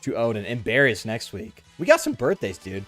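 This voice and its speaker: Animated frat-bro guy streamer. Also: medium pitch, brisk. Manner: frat-bro talk full of bro and dude. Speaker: game streamer. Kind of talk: casual livestream chat over gameplay. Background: music.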